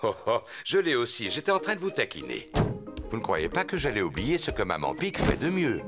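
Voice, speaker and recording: A man's voice: mid-range voice, wildly swooping pitch, a little fast. A man voicing a jolly, boastful middle-aged father pig in a French children's cartoon, hearty and self-assured. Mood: teasing, defensive. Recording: cartoon music behind the voice.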